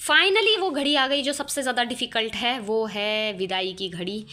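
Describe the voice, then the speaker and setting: A woman's voice: a little high, moderate pace, noisy background. A young woman chatting casually as she shows her wedding photos, laughing often and near tears at times. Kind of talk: casual chat.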